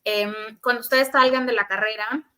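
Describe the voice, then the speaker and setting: Bright-voiced woman giving advice. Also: on the high side, steady tone, moderate pace, clear, resonant tone. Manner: earnest, advice-giving, some filler restarts. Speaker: public relations professional. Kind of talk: podcast conversation.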